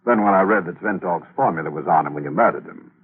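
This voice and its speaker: On a tinny, narrow-band old radio recording, an actor with a deep, husky voice talks fast as a sly, gloating gunman in a thriller. He taunts with folksy, mocking friendliness and a leisurely sense of menace.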